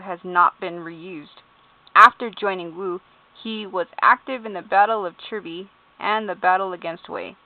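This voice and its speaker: Reading game character bios at home, a medium-pitched female YouTuber gives relaxed, amused commentary. She laughs, swears, and spells names out letter by letter, all on tinny, phone-quality audio.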